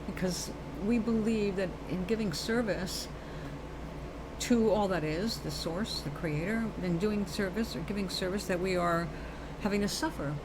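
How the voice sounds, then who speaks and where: With a noisy background behind her, a woman from New York speaks in a medium-pitched voice with a New York accent. She is hosting a live show, offering casual spiritual talk about spirit to viewers in an earnest, rambling way and calling them baby and darling.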